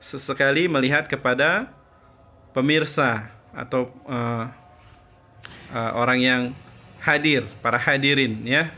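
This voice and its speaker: A man's voice: medium pitch, slow, long pauses, pushed and bright. A man teaching a class, explaining step by step and answering his own questions as he goes. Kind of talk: classroom lesson.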